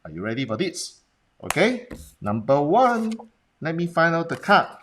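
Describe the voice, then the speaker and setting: A man's voice: on the high side, sing-song, measured pace, fairly bright tone, a little hiss or hum. Blunt man with a Hong Kong accent. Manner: rhetorical questions and check-ins with the audience. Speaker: business presentation coach. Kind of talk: Facebook Live talk, coaching viewers.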